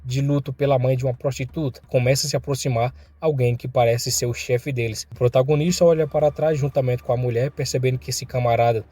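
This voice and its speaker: Brazilian male recap narrator, mellow, mid-pitched voice; acts out the lines with bursts of pitch. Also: no echo. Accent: Brazilian Portuguese. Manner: voices thug dialogue with rising pitch and force.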